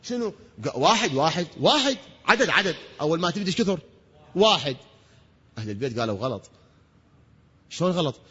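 A man preaching a religious lecture, asking rhetorical questions and answering them himself, sometimes stretching words into long shouts. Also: on the high side, sing-song, quick pace, pauses often, breathy edge. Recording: dull sound with long hall reverb.

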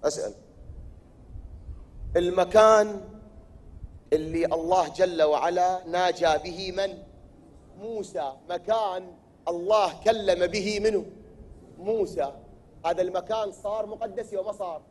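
A high-pitched male preacher with an Iraqi accent delivers a sermon. He keeps asking his listeners questions and answering them himself. He sometimes builds up to loud, forceful declaiming. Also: unhurried, long pauses. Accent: Iraqi Arabic. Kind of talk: religious sermon.

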